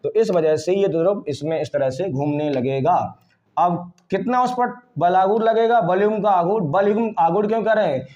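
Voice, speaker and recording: A man's voice: high-pitched, a little fast, a little mellow. Hindi-speaking male physics teacher, lo-fi sound. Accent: Hindi-speaking Indian. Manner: repeats key terms and asks questions back to the class. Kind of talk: whiteboard lesson.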